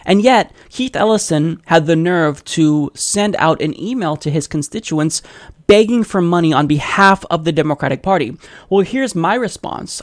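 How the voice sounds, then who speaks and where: A man's voice: a little high, no room sound, clean studio sound. An American man hosting a political podcast, giving opinionated, emphatic commentary with a sardonic edge. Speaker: podcast host. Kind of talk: political commentary, partly scripted.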